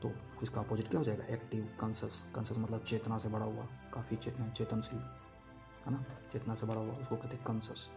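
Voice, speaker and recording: A man's voice: lowish voice, little pitch movement, quick pace, gravelly, lo-fi sound, music in the background. A man teaching exam vocabulary, explaining words and often checking that listeners follow along.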